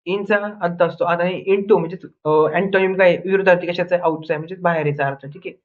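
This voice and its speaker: A man's voice: high-pitched, fairly even intonation, quick pace. A young man teaching an English grammar lesson, drilling word pairs with repeated questions and answers and a constant "okay". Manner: says "ठीक आहे" constantly. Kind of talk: online lesson in Marathi. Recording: tinny phone-like audio.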